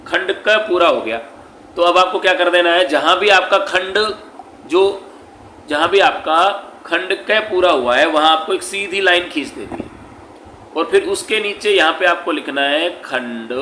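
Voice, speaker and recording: A man's voice: high voice, measured pace, sharp tone. A man teaching Sanskrit, walking students through an exam paper, who patiently repeats each point, asks his own questions and answers them, and calls the students "beta". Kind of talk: classroom-style exam paper walkthrough. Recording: echoey room with faint background noise.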